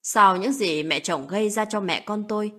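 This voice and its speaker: A woman's voice: mid-range voice, normal speed, bright, forceful tone, breathy edge. A woman narrating a first-person family story in a plaintive, sorrowful way.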